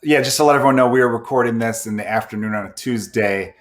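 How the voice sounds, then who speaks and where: Podcast host guy, medium pitch, chatting casually, kinda rambly and jokey. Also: fast. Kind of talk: casual chat.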